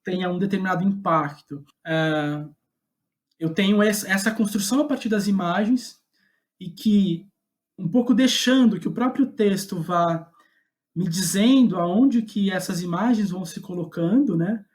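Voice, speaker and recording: A guest playwright with a Brazilian accent reflects in an interview, his voice sitting high and his pace moderate. He's hesitant and thoughtful, thinking aloud and often rephrasing himself.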